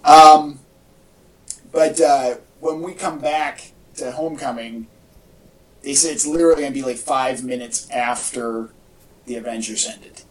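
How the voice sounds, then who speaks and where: A man of medium pitch talks at a measured pace as co-host of a casual fan podcast, rambling enthusiastically about superhero movies. He sits far from the mic, and the home recording sounds echoey and off-mic.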